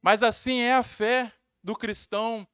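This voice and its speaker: Man, Brazilian Portuguese accent, pastor, sermon, high voice, dry close sound. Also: steady tone, a little slow, fairly bright tone, clean tone, dry recording. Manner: storytelling preacher, repetitive phrasing, frequent tag questions.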